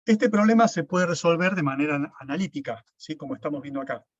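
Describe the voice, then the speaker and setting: A man's voice: on the high side, expressive, quick pace, no echo. A man, lecturing an online class, explaining step by step and often checking with "¿sí?". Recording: dull, dry lo-fi sound.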